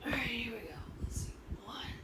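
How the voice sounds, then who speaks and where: A woman's voice: a little high, expressive, normal speed. A woman leading a workout as a fitness instructor, explaining moves and counting reps informally, often thinking aloud. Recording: roomy, far from mic, noisy.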